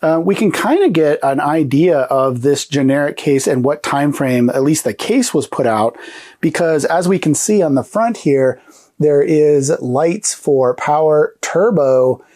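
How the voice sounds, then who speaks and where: A man's voice: mid-range voice, unhurried, a little mellow. A man in his forties hosting a casual retro computer show, a bit nasal and congested from a recent illness, chatty and upbeat with loose fillers. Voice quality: slightly nasal. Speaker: host.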